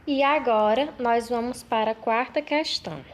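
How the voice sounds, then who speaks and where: A woman teacher from Brazil giving a recorded lesson to children, reading out questions slowly and with emphasis. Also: on the high side. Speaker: schoolteacher.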